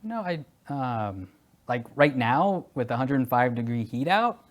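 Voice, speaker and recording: Answering rapid interview questions as a guest, a security executive in his forties speaks in a mid-range voice with a casual, conversational style. He starts off hesitant, full of pauses and fillers, then grows warmer and more animated.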